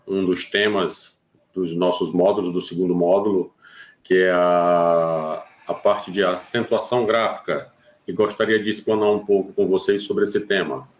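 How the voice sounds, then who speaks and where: A man with a Brazilian Portuguese accent teaching a recorded lesson, explaining slowly and deliberately with hesitant fillers. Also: low voice, darkish tone, echoey room.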